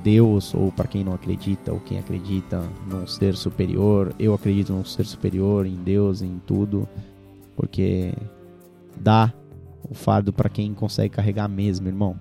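A Brazilian man talking casually as a podcast guest, telling animated, slangy stories. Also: deep voice, moderate pace, creaky, faint music behind. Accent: Brazilian Portuguese. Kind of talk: casual chat.

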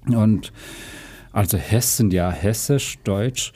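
A man with a Russian accent speaking German as a second language, telling his story casually and haltingly as an interview guest. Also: lowish voice, dark tone, breathy edge. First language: not a native German speaker. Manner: halting, searching for words.

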